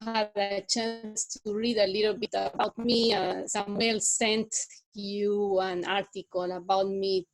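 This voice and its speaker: A middle-aged woman from Guatemala City, a native Spanish speaker with a Guatemalan accent, giving an online guest lecture in a halting way with many "uh"s. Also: medium pitch, level tone, slight background noise, low-quality recording. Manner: halting, many filler sounds.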